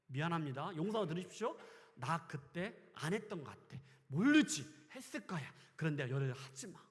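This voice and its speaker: A man preaching a sermon as pastor, switching between loud exclamations and quiet asides. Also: a little high, very animated, normal speed, in a large hall. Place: church sanctuary.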